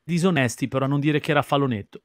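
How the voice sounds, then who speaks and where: A man's voice: mid-range voice, racing, a crowd in the background. A man with an Italian accent, co-hosting a live football reaction, insistent and prone to repeating himself. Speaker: co-host of a live match reaction. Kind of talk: casual banter over a football match.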